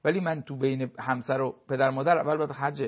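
A man's voice: mid-range voice, steady tone. A man giving marriage advice as a religious expert on a TV program, lecturing emphatically and asking many rhetorical questions. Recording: dull lo-fi broadcast sound.

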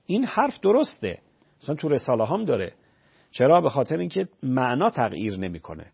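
A man's voice: a little high, vocal fry, slightly rough. A man, a religious scholar on a radio call-in show, patiently explaining rulings with everyday examples. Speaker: religious scholar answering callers. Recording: dull lo-fi radio broadcast.

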